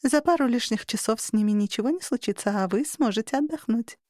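A woman voicing a seductive, imperious sorceress, speaking in a slow, coaxing way. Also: a little high, darkish tone, no room sound, clean studio sound, natural voice. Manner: slow, coaxing delivery, sometimes whispered.

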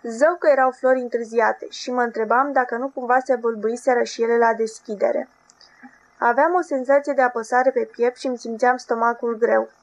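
A woman narrating an audiobook novel in a steady, even reading voice. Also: a little high.

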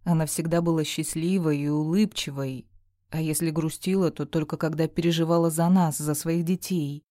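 A woman narrating a first-person novel as an audiobook, in a calm, intimate storytelling manner. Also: low-pitched, moderate pace, no room sound, clean studio sound.

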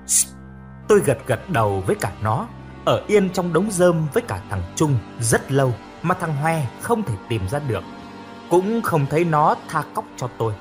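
A man narrating a first-person audiobook story in an expressive storytelling manner. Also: a little high, normal speed, soft background music.

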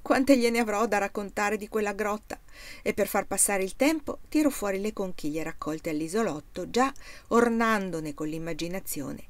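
A woman's voice: medium pitch, normal speed, no room sound, natural voice. Woman reading as an earnest young farmhand. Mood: musing. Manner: musing, heartfelt inner monologue. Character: earnest young male farmhand, hopeful and devoted. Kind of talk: audiobook reading.

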